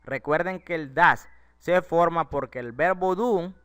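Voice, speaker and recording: A man's voice: on the high side, a little slow, a bit bright, smooth. A man with Spanish as his first language, explaining English grammar step by step and asking his students questions as he goes. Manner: explains step by step, asks the class rhetorical questions. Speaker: English teacher. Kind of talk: classroom-style grammar lesson.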